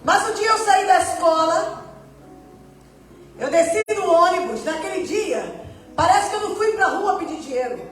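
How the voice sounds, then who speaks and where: A woman's voice: very high voice, expressive, normal speed, pauses often, faint music behind. A woman missionary giving a testimony sermon, telling her story and acting out the dialogue. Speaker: missionary preacher. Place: church hall. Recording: echoey church hall, distant mic.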